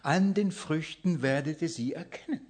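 A man preaching, asking the congregation questions and answering them himself, swinging between loud emphasis and hushed near-whispers. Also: on the high side, normal speed. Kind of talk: sermon with Bible reading.

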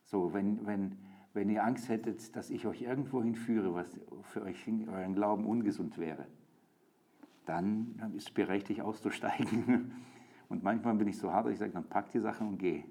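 This adult preacher, father of a young daughter, has a low, dark voice and keeps a steady tone at a moderate pace. Teaching scripture to a group, he speaks casually with many fillers and false starts before reading verses with rising force.

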